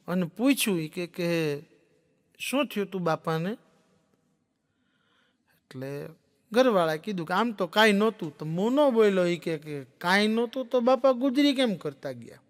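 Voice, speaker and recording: A man's voice: high-pitched, lively intonation, normal speed, pauses often. A man doing stand-up, telling folksy joke stories and acting out the dialogue for a laughing audience. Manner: folksy storyteller, acts out dialogue. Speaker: stand-up comedian. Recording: long hall reverb.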